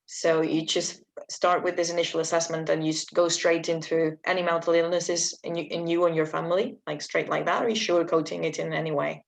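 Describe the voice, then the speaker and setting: Low, gravelly woman asking a question. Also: flat delivery, brisk, few pauses, rough recording. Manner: hesitant, many fillers. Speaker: student.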